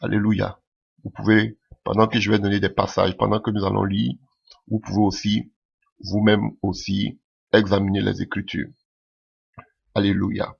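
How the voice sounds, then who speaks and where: A low-voiced preacher from Ivory Coast delivers a sermon, dropping hallelujah between his phrases and repeating words as he goes. His voice is gravelly and husky. The recording is dull and lo-fi. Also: completely flat delivery, normal speed, pauses often.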